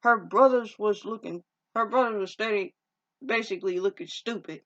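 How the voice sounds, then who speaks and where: Speaking at normal speed in a medium-pitched, slightly bright voice, a movie reviewer loosely retells a film's story. She rambles, uses slang, and keeps starting her sentences over, and the lo-fi recording sounds dull.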